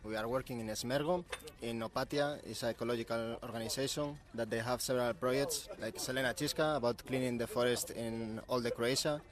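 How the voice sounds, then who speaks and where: A man's voice: medium pitch, steady tone, brisk, few pauses. A man in his late twenties from Asturias with a Spanish accent, searching for words as he answers interview questions. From Asturias, Spain. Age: late 20s. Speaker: guest volunteer.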